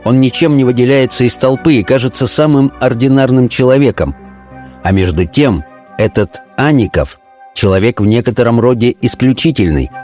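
A man reading a period detective story aloud as scripted narration, in an even, measured manner. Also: mid-range voice.

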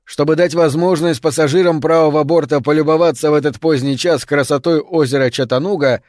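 A man voicing a calm, steady airline captain who speaks in a matter-of-fact way. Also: a little high, fairly quick, no echo, studio quality, natural voice.

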